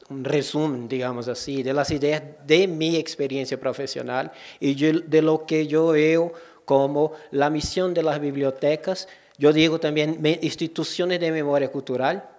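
A man's voice: on the high side, a little mellow. Brazilian man lecturing in Portuguese-tinged Spanish. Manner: Portuguese-Spanish mix, hesitant with repeated word starts. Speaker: conference speaker, digital curator. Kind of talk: conference lecture. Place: auditorium, indoors. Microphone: gooseneck podium microphone.

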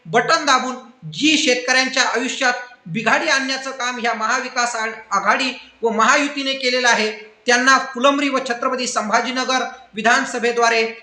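A man's voice: very high-pitched, fairly even intonation, normal speed, sharp tone, reverberant. A man giving an impassioned, oratorical campaign appeal as a political commentator, rallying his listeners. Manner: rousing, oratorical, addresses viewers as friends and brothers.

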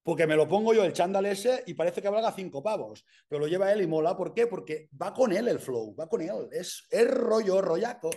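Spanish guy from spain, pretty high voice, fired up and crude, mentoring on branding. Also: brisk, hardly any pauses. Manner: energetic, slangy and crude, swears freely. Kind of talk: casual mentoring talk.

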